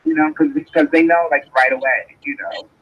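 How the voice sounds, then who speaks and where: A woman's voice: deep voice, fairly even intonation, brisk, breathy edge. Woman caller over a muffled phone line. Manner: rambling, lots of "like" and "you know". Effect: heard over a phone on speakerphone. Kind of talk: casual call-in chat.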